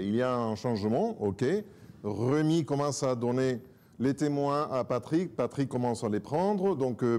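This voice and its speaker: A man, a native Spanish speaker, giving a church talk as guest preacher in a joking, self-mocking way. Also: medium pitch. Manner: joking, self-mocking, lively, moves a lot.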